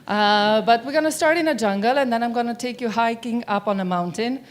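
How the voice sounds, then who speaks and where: On the stage of a large conference hall, a middle-aged Romanian woman gives a keynote through a stage mic, her voice on the high side and a little fast. She's chatty, often turning questions to the audience.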